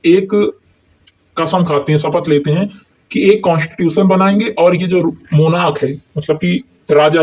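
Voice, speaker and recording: A man goes through history exam notes like a teacher, posing questions and answering them himself. His voice sits fairly high. The recording is dull and lo-fi. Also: a little mellow. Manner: keeps asking and answering his own questions, with many "thik hai" and "hai na" check-ins. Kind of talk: explaining exam notes in a mix of Hindi and English.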